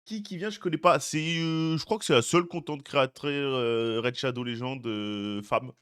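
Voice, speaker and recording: A man's voice: mid-range voice, moderate pace, a bit bright, clear, resonant tone. A young man streaming live, chatting casually with his viewers, greeting them by name and teasing them. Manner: chatty, greets chat by name, jokey asides.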